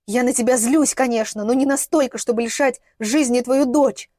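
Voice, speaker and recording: A furious young mother from an audiobook, shrieking and scornful, her voice pitched up and loud, as the narrator puts her on. The reading is dry and close-miked. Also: expressive, a little slow, breathy edge, no room sound. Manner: shrill, scornful shouting.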